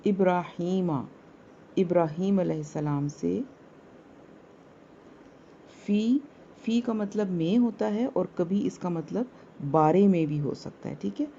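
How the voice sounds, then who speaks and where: A woman teaching a word-by-word translation lesson, saying each word slowly and repeating its meaning. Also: on the low side, vocal fry, mellow, highs cut off, a little hiss or hum. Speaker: Quran teacher.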